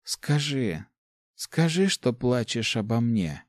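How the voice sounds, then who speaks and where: A man reading a slow, quiet, emotionless dying woman necromancer in an audiobook. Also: medium pitch, sing-song, no echo, clean studio sound. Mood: hollow.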